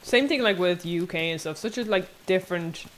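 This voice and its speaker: A young woman with an Irish accent chatting casually while playing a game, chatty and prone to excited squeals. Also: fairly low pitch, fairly quick, slight background noise. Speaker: game streamer. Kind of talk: casual gameplay commentary. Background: game music.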